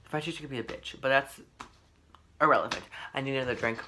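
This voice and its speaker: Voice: mid-range voice, quick pace, noisy background. A teenage vlogger in a casual mukbang chat, sassy and melodramatic, grumbling in mock despair and bragging with mock arrogance.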